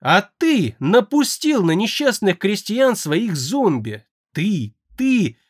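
A man's voice: sing-song, slow, no echo, clean studio sound, full character voice. A man voicing a young male air mage who is frightened, tearful and pleading, in an audiobook. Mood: accusing. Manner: pleading, shrill and anxious.

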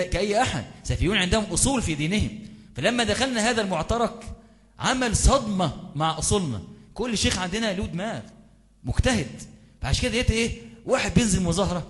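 A man delivers a rapid religious lecture in a colloquial Egyptian accent. His voice sits somewhat high, and he keeps asking his listeners rhetorical questions. He switches between recited Quranic verses and everyday speech. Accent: Egyptian Arabic. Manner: asks the audience rhetorical questions. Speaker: preacher.

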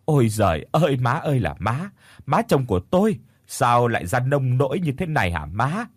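A man's voice: mid-range voice, very animated, moderate pace, no echo, clean studio sound. A man voicing a middle-aged daughter-in-law who wails theatrically and fakes her grief at a funeral in an audio story. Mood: wailing. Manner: melodramatic theatrical wailing. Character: woman, fake-wailing grieving daughter-in-law.

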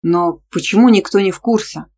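A woman's voice: mid-range voice, a little fast, darkish tone, close to an everyday voice. A woman voicing a polite young man who stammers and hesitates. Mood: flustered. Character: polite, flustered young man, hopeful friend.

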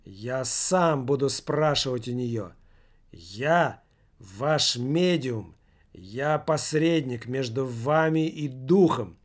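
A man voicing a solemn, commanding male séance medium who speaks in a droning, detached monotone. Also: mid-range voice, slow pace. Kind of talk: audiobook character voice.

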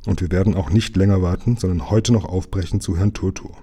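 Man reading as a gruff, calm engine driver. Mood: steady. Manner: low grumbling, unhurried.

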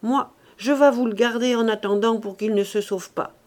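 A woman reading the part of an old rustic gardener, frantic and despairing, talking loudly to himself in old country speech. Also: a little high, moderate pace, lightly acted. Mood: urgent. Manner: loud agitated monologue in old rustic speech.

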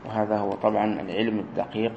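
A man teaching a grammar lesson as a sheikh, explaining slowly, repeating key words and drilling verb forms aloud. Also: fairly low pitch, flat delivery, gravelly, dull audio. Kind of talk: recorded classroom lesson. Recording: roomy echo with faint room noise.

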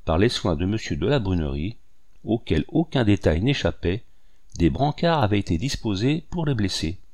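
Low-voiced male audiobook narrator. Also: sing-song, moderate pace, a little mellow. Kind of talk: scripted narration.

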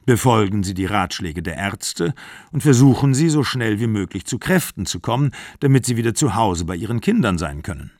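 A man reading a calm, weary middle-aged actor. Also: on the low side, a little fast, no echo, clean studio sound. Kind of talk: literary audiobook reading.

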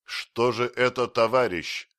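A man's voice: sits low, expressive, measured pace, fairly bright tone, no echo, clean studio sound. A man doing a stern, commanding swindler. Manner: curt, clipped official tone.

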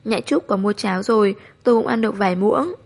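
A woman's voice: medium pitch, fast talker, darkish tone, breathy edge. A woman voicing a cheerful young boy. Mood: friendly.

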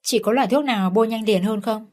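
A woman's voice: fairly high pitch, fast talker, a little mellow, natural voice. A frank, talkative woman selling medicine, voiced by a woman storyteller, blunt and a little gossipy. This is an audio story read by one woman. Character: frank, kindly pharmacy saleswoman.

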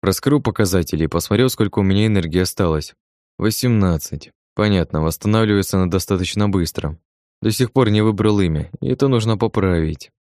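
A man narrating a first-person audiobook in a calm, even manner. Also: low voice, a little fast, dry recording, clean studio sound.

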